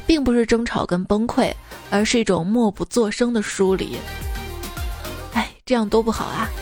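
A woman radio host reading jokes in a playful, teasing way, chuckling between punchlines. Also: fairly high pitch.

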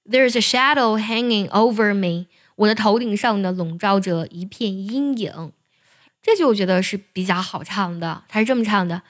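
A woman teaching how to sing an English song, speaking in a patient, measured way with soft particles at the ends of her phrases. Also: mid-range voice. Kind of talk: explaining lyrics and singing technique.

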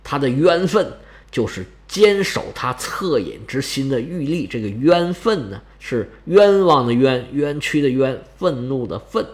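A man's voice: medium pitch, big pitch swings. A man doing a gloomy grave Roman general. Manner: heavy, slow, resigned. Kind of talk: Chinese storytelling performance.

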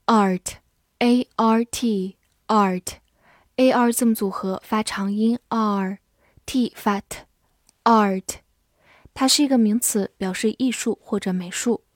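A woman teaching English vocabulary in a scripted lesson, speaking clearly and evenly and slowing down to spell words and read example sentences. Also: mid-range voice, no room sound, studio quality. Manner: clear, even teacher's delivery, slows to spell and read aloud.

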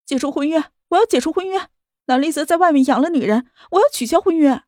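A woman's voice: sits high, fast, darkish tone, dry recording, studio quality, pitched above the performer's own voice, close to an everyday voice. A woman voicing a distraught young woman who is crying and pleading, in a raised voice. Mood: sobbing.

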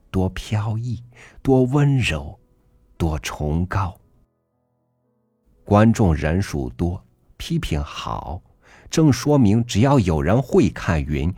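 A man reading a literary essay aloud for a podcast, measured and earnest, rising emphatically on rhetorical questions. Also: low-pitched, slightly rough, dry recording. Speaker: podcast reader. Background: soft background music.

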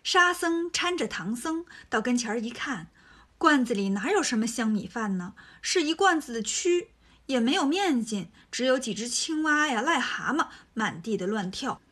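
A woman narrating a children's story in a lively, colloquial way. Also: on the high side, moderate pace, husky.

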